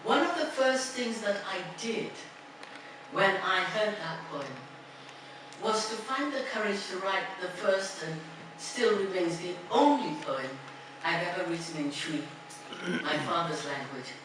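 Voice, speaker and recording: An older woman from Ghana speaks at an unhurried pace from a podium in a large wood-panelled lecture hall. She is heard from afar through a booming echo, with a steady noise underneath. Her talk moves from rhythmic chanting to reflective storytelling. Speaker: alumni speaker. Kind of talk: lecture with recited poem. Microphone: podium mic, recorded from a far camera. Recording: distant, very echoey hall recording with noise.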